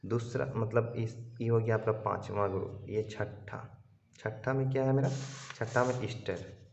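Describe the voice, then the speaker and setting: A man's voice: fairly low pitch, vocal fry, slight background noise. Man teaching chemistry in a roomy space. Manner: slow, repetitive explaining, voices students' questions himself. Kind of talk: online class lecture. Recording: roomy, dull lo-fi sound.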